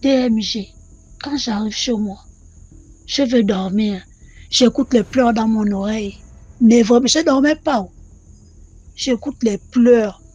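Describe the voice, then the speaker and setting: A woman telling her own mystical experience in an animated, repetitive way, speaking directly to the channel. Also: fairly high pitch, takes it slowly, long pauses, breathy edge. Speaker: caller sharing a personal story. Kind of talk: personal testimony storytelling.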